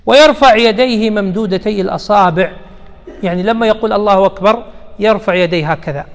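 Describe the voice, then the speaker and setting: A man delivers a religious lesson in a high, gravelly voice. He explains patiently and circles back to repeat the important terms. The recording rings with a long reverb, as in a big hall. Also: quick pace. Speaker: religious teacher.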